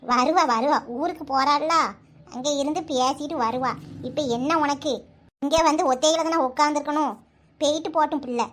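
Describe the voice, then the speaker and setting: A woman doing a shrill old village grandmother with a Kanyakumari accent. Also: moderate pace, lightly acted. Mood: soothing. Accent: Kanyakumari Tamil. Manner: easygoing, soothing, mild scolding. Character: elderly village grandmother, easygoing and fond. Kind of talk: cartoon voice acting.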